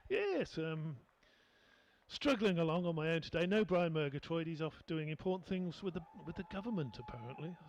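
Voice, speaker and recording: A man's voice: a little high, animated, moderate pace, dull audio, a little hiss or hum. Chatty male cricket commentator. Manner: chatty, rambling with many fillers. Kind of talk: live sports commentary. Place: commentary position at a cricket ground.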